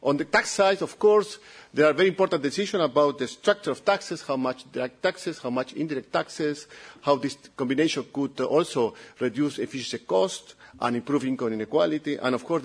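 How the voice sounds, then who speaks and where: A man's voice: mid-range voice, husky. A man with an Italian accent presenting a report to an audience, often repeating words and restarting.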